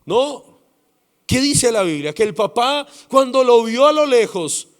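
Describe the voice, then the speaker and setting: A man with a Colombian accent preaching a sermon as pastor, dramatic and swinging between loud passages and hushed ones. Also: extremely high pitch, sing-song, a little slow.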